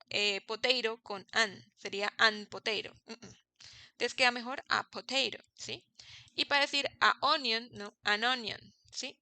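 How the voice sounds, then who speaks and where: A young woman explains grammar to her class, pausing often to check that everyone follows. Her voice is very bright and sits a little high. The recording is dry and close, with no room sound. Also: dry recording. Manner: patient, checks understanding with frequent "¿sí?". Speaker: English teacher.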